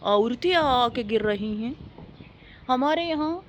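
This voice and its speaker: A woman's voice: fairly high pitch, expressive, slow, a little hiss or hum. A young Pakistani woman with a Pakistani accent, vlogging outdoors in a casual, mocking, sarcastic way. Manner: mocking, sarcastic, teasing banter. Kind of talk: casual chatty vlog.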